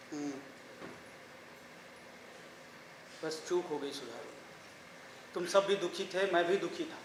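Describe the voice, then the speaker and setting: Sheepish, wry husband, fairly high voice, played by a man; echoey room. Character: sheepish middle-aged husband who faked death. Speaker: husband Amit. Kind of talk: short film drama acting. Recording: echoey room with faint noise.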